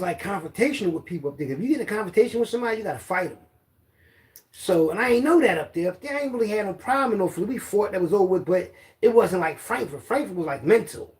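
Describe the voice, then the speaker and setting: Fast and animated, this Philadelphia-accented storyteller guest, a middle-aged man, spins casual, meandering street tales full of slang. He has a high voice and a darkish tone.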